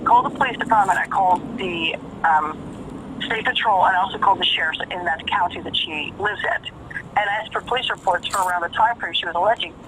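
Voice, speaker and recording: A woman's voice: lowish voice, quick pace, a bit bright, slight background noise. A woman talking casually on a phone call, emphatic and profane, repeating phrases for stress. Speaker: caller.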